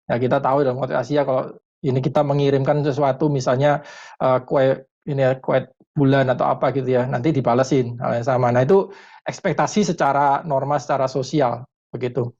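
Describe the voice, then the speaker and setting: A man, a parenting educator, answering a question in a webinar consultation, thoughtful and pausing often with fillers, mixing in English terms. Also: medium pitch, vocal fry, darkish tone, lo-fi sound. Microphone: video call.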